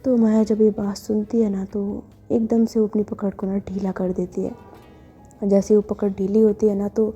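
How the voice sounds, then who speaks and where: Husky-voiced woman telling a story. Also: mid-range voice, little pitch movement, normal speed, dark tone, muffled recording, soft background music. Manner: chatty, conversational retelling with fillers. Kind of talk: casual spoken story narration.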